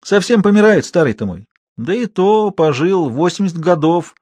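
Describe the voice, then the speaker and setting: A man doing a lively scolding old woman. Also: sits high, normal speed, no echo, voice pushed up.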